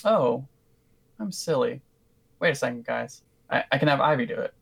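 A man's voice: mid-range voice, expressive, moderate pace, creaky, a bit bright, breathy edge. A man playing a tabletop role-playing game, chatting casually with laughs and stammered restarts. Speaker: player. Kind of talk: tabletop role-play chat.

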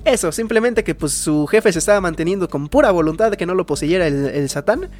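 Fields: slangy Mexican man, high voice. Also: lively intonation, brisk, a little mellow, faint music behind. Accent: Mexican Spanish. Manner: slangy, rambling storyteller. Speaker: podcast co-host recapping anime. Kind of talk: casual chat.

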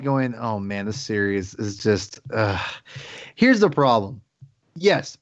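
A man co-hosting a casual podcast review, animated, mocking scenes in silly high voices. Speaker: podcast co-host. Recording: dull lo-fi dry sound.

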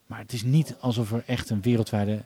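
Guy on a podcast, low mellow voice, lots of ehs and restarts, easygoing chat. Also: little pitch movement, brisk, husky, dry recording. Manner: thoughtful, many hesitations and restarts. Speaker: podcast guest. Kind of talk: casual podcast conversation.

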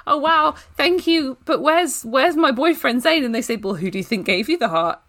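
A woman's voice: sits high, expressive, normal speed, a bit bright. Woman, casual chat, jokey, playful storytelling.

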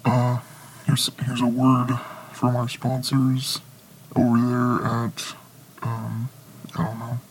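A man co-hosting a casual comedy podcast, talking slowly in a gravelly, fry-laden voice. He rambles through crude improvised jokes full of fillers. A faint noise sits behind him. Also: mid-range voice, poor audio. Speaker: podcast co-host.

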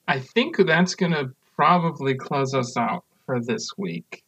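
A man's voice: mid-range voice, lively intonation, takes it slowly, fairly bright tone, husky, lo-fi sound. A man co-hosting a casual podcast, joking dryly and chuckling often. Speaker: podcast co-host.

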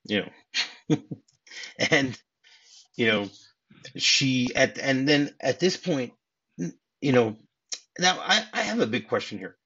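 Male podcast host, husky, chatty, lo-fi audio. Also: medium pitch, animated, slow pace, pauses often, sharp tone. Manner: chatty, many restarts and laughs. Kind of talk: casual film discussion.

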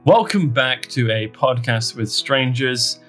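A man hosts a casual comedic podcast chat, rambling and joking at his own expense. His medium-pitched voice is animated, slow and a bit bright, with faint music behind him.

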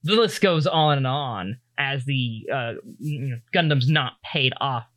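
A man improvising narration as game master of a tabletop game, in a halting, loose way. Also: mid-range voice, expressive, a bit bright, dry recording.

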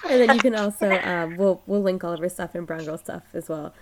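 A woman's voice: lowish voice, a little fast, darkish tone. A woman hosting a podcast, talking in a friendly, loose way with many fillers. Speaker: podcast host. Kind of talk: casual chat.

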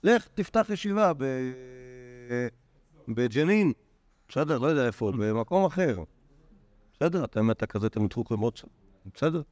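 A man, a rabbi, teaching a Talmud class, animated and full of repeated words and fillers. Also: medium pitch, no room sound. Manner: animated, acts out quoted sages in a raised voice. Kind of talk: lecture to a class.

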